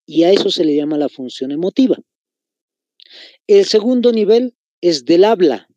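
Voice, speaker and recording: A man's voice: sits high, animated, moderate pace, warm tone, no echo, muffled recording. A man with a Bolivian Spanish accent teaching an online class. He explains patiently, repeats key phrases and calls his students chicos.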